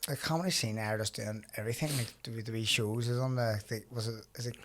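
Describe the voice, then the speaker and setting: A man's voice: lowish voice, fairly even intonation, fast talker. A man with a Northern Irish accent chatting casually and informally, with sweary, blokey banter, as a fighter on a podcast. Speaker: podcast co-talker, combat sports fighter. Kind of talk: casual chat.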